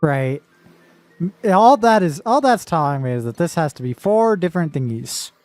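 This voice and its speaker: A woman streamer thinks out loud over a puzzle game, teasing and cursing in a bouncy, swooping voice. Her mic is close and dry, with faint music playing underneath. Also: fairly low pitch, big pitch swings, normal speed, no echo. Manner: playful, swearing, talking through puzzle logic aloud. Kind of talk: casual live gameplay commentary.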